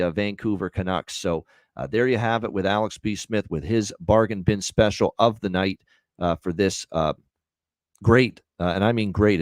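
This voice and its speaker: Talking emphatically and off the cuff, a man running a sports betting show keeps repeating phrases to drive his promotion and commentary home. His voice sits on the low side and carries no echo.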